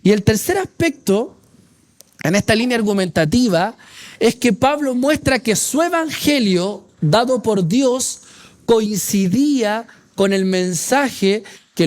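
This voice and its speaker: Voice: medium pitch, darkish tone. A teacher giving a Bible class lecture, reading verses aloud and explaining them with rhetorical questions and frequent check-ins with the class.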